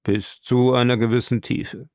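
A man reading the part of a stern, proud male submarine captain in an audiobook, speaking in a calm, measured and commanding way. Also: mid-range voice, vocal fry, no echo, clean studio sound.

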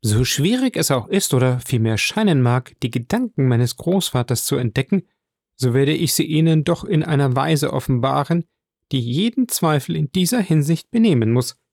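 A man voicing an earnest young woman who calmly speaks for her grandfather in a read-aloud story. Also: medium pitch, normal speed, vocal fry, no room sound, studio quality.

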